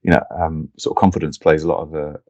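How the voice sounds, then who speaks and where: A man with a very deep, dark voice hosts a podcast and asks friendly, loosely phrased questions. His audio is muffled and lo-fi, with a dry, close sound. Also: little pitch movement, quick pace, dry recording. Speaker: podcast host. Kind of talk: casual interview questions.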